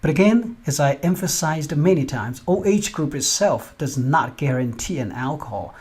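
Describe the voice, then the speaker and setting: Husky-voiced man giving a chemistry lecture. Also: on the high side, lively intonation, normal speed, darkish tone. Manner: explains step by step, often asks "right?". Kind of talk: recorded lecture over slides.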